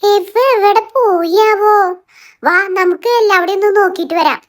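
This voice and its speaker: A woman's voice: very high voice, normal speed. A woman voicing a cheerful, caring little boy doll in a children's doll story, calling out eagerly and reassuring his friend.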